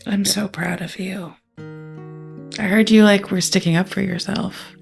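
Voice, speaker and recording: A woman's voice: medium pitch, steady tone, a little slow, creaky, soft background music. A woman player in a tabletop game, chatting playfully and emotionally. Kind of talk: casual chat in a tabletop game.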